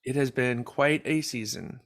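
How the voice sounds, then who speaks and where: A man's voice: mid-range voice, unhurried, fairly bright tone. A man in his fifties co-hosting a podcast, chatting casually and joking, rambling with fillers. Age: 50s. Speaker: podcast co-host. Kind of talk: casual chat.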